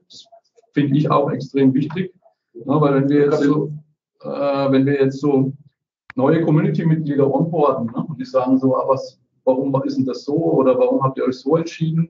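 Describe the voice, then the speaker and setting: On a video call, a man casually presents his community platform via screen share, chatty and sprinkling his speech with "ne?" tags and "äh" fillers. His voice is mid-range and a little mellow, and the audio sounds roomy, distant, and dull.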